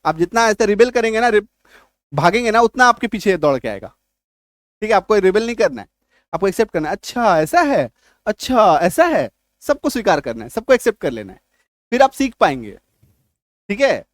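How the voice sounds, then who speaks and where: A man's voice: high-pitched, big pitch swings, a little fast, pauses often, no room sound, studio quality. A man teaching English reading in a classroom-style lesson. He speaks with a Hindi accent, spells out letters and keeps asking "ठीक है?" to check that students follow.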